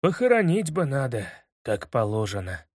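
A man's voice: mid-range voice, very animated, a bit bright, no echo, clean studio sound, pitched below the performer's own voice. Man reading as a gloomy detective. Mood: glum. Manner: glum, measured. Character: gloomy adult male detective. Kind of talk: audiobook character reading.

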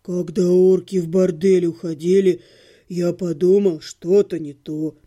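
A woman voicing a dramatic, self-pitying male half-gnome in an audiobook, moaning in a low groaning voice. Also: fairly even intonation, measured pace, warm tone. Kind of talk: audiobook character voice.

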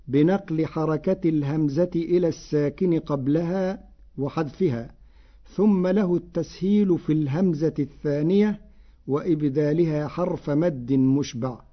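A man with a fairly high voice gives a formal, measured lesson on recitation, stretching out each quoted word in a slow chant. The sound is dull and lo-fi, like an old radio broadcast. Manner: measured and formal, intoning quoted words slowly. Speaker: Quran recitation scholar.

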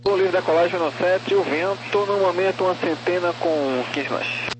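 A Brazilian man with a somewhat high voice speaks as an air traffic controller. His phrases are clipped and procedural, carried over a crackly military-style radio link full of noise. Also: moderate pace. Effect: aviation radio transmission. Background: radio static and noise.

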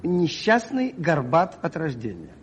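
A man acting a meek, courteous provincial priest in an old radio play, speaking haltingly with polite stammers. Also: on the high side, wildly swooping pitch. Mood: hesitant, polite. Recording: muffled, noisy old radio recording.

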